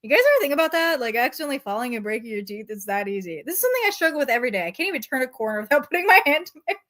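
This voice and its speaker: A woman's voice: high-pitched, very animated, rapid-fire, a bit bright. A young woman reading fan fiction aloud in a mock-dramatic way, breaking off with wry asides and frequent laughter. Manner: laughs often through the text, wry asides.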